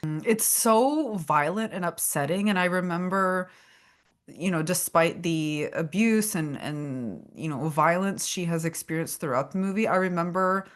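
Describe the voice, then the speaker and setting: Low-voiced woman podcast host. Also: a little slow. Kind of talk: casual interview conversation.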